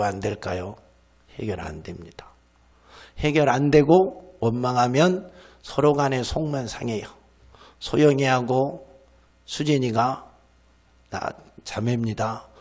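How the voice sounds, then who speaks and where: A middle-aged man, a pastor, preaching a sermon. He keeps asking the congregation questions and answering them himself, acts out people's complaints in lively voices, and lets many phrases sink to a hush. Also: mid-range voice, measured pace. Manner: drops to a hushed voice at the ends of phrases.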